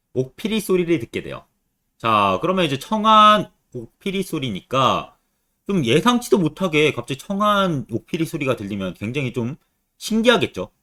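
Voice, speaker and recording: A man's voice: mid-range voice, bright, forceful tone. A man teaching Korean literature in an exam-prep lecture, constantly quizzing his students with rhetorical questions.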